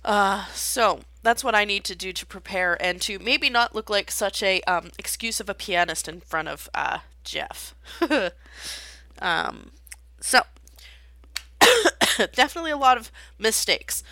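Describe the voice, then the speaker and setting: Bright-voiced woman in casual chat. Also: medium pitch, animated, measured pace, no echo. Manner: rambling, many fillers. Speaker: podcast host and amateur pianist.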